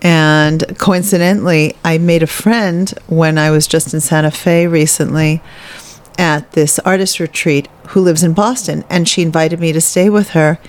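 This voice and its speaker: Low-voiced chatty woman comedian. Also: steady tone, moderate pace. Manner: chatty, candid, with frequent fillers. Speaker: guest, stand-up comedian. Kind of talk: casual interview conversation.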